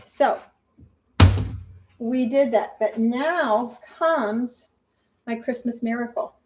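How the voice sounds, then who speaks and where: An older woman with a high voice talks casually while she cooks in her home kitchen. She chats in a friendly, homey way, narrating each step as she goes. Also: a little hiss or hum, low-quality recording. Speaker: vlogger. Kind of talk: casual cooking vlog.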